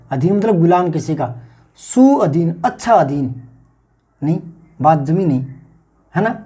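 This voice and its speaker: A man with a high, mellow voice teaches a grammar lesson in classroom style. He explains patiently and repeats key words aloud to drill them.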